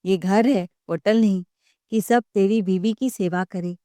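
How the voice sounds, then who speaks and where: Stern elder brother, harsh rebuking tone, middle pitch, dry sound, read by a woman. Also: steady tone, a little slow, mellow, no echo, lightly acted. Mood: stern angry. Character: angry protective elder brother, adult man.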